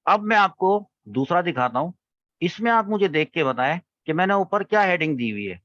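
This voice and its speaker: A man's voice: high voice, very animated, a bit bright. Man teaching grammar on a dull call. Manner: patient, questioning students step by step. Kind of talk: online grammar lesson. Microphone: video call. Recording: dull, dry online call audio.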